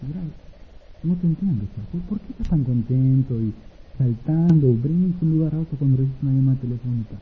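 A man preaching a sermon who acts out an anecdote in many voices, swinging between soft and loud. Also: mid-range voice, a little fast, husky. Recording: dull lo-fi recording.

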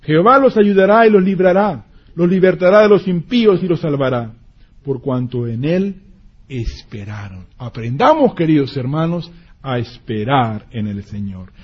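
High husky preacher guy giving a sermon, acts out little family scenes, muffled radio sound. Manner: animated, acts out parents and children in quick asides.

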